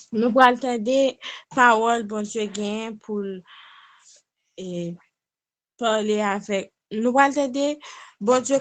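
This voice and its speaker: Slow woman announcing in a service. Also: on the high side. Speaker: service moderator. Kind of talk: announcing items in a prayer service.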